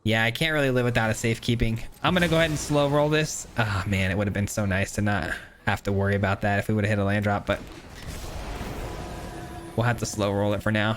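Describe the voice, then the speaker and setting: A man's voice: on the low side, fast talker, fairly bright tone, slight background noise. A man casually commenting on his own card game as he plays, chatty and self-critical, with frequent ums and uhs. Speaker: gameplay streamer.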